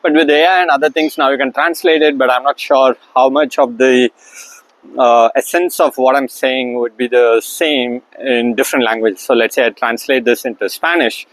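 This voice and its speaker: A middle-aged host from India, a native Tamil speaker, thinks aloud in a loose, reflective monologue, often pausing on "uh" and restarting sentences. His middle-range voice is fairly even and a bit bright. He recorded it on his own camera across the room, with no echo but rough quality.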